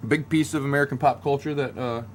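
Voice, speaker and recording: A man's voice: mid-range voice, steady tone, fast, slight background noise. A man in his thirties hosting a podcast, rambling casually and laughing often as he jokes. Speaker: podcast host. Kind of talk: casual chat.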